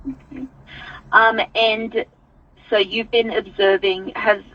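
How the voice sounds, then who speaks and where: A woman answering calls for a hotline, asking halting, hesitant questions. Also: on the high side, steady tone. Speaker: hotline operator. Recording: dull lo-fi phone line.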